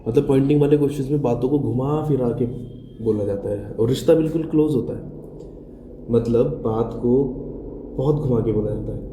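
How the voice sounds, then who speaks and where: A man teaching a lesson slowly and carefully, his throat sore. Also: medium pitch, mellow. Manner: slow, careful explaining with English terms mixed in. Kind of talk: recorded classroom lesson. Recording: echoey room with noise.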